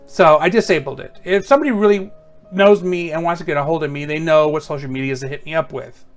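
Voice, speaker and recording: Male how-to presenter, noticeably high pitch, informal and matter-of-fact delivery. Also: quick pace, faint music behind. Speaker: tech tips presenter.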